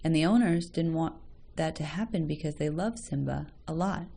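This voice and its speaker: A woman reading a children's story aloud in a gentle, measured way. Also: sits low, creaky, slight background noise. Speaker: story reader.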